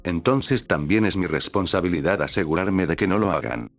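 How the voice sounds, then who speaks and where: A man's voice: deep voice, expressive, moderate pace, soft background music. A man voicing a steadfast, protective fatherly man who speaks firmly and with passion. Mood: impassioned. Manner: firm, impassioned, resolute.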